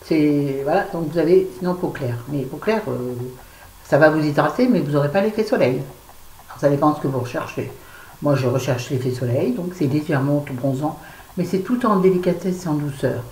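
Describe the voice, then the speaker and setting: A woman's voice: low-pitched, animated, fairly quick, a little mellow. A woman in her fifties chatting frankly to camera at home, rambling and self-mocking, stressed and irritable. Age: 50s. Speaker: vlogger. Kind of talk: casual unboxing chat to camera. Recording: echoey room with faint ambience.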